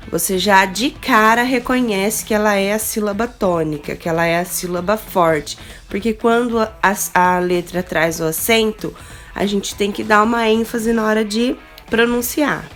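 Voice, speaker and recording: A woman's voice: mid-range voice, a bit bright, soft background music. A woman teaching young children in a recorded lesson, with a Brazilian Portuguese accent. She talks patiently and keeps checking in with the kids. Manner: spells out word endings slowly and deliberately. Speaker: primary school teacher.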